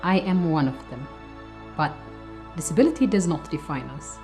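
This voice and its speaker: A woman from Africa presenting a training module in calm, scripted narration. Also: sits low, normal speed, faint music behind.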